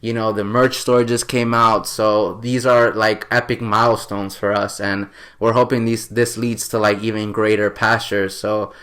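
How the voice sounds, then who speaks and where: Man, late twenties, from New York, podcast host, casual rambling talk, fairly low voice. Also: level tone, a little slow, fairly bright tone. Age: 20s. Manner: rambling and earnest, many fillers and restarts.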